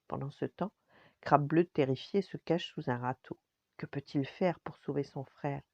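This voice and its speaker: Older woman, low, animated bedtime storyteller; dry, slightly dull recording. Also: unhurried, dry recording. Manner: lively, expressive reading. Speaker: storyteller grandmother.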